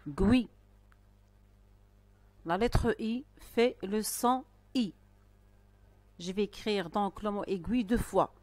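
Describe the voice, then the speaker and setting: A woman teaching a primary school spelling lesson, speaking slowly and carefully with pauses between phrases. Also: medium pitch, a little mellow, no room sound. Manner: slow, careful dictation-style delivery with pauses. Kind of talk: recorded online lesson.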